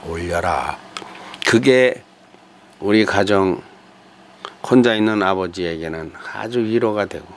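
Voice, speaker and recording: An older man with a fairly low voice gives a meandering spoken commentary. He talks in a folksy, conversational way, stopping for fillers and rhetorical questions. A faint hiss of noise sits under his voice. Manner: folksy, digressive, with hesitant fillers and rhetorical asides. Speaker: host giving a talk on character and family.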